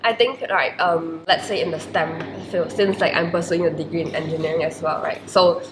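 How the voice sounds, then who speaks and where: A university student in her twenties, whose first language is Chinese, answers interview questions as a guest in Malaysian English. She is reflective and fills her sentences with "like." Her low voice keeps a steady tone at a fairly quick pace, and the recording has a roomy echo with faint noise.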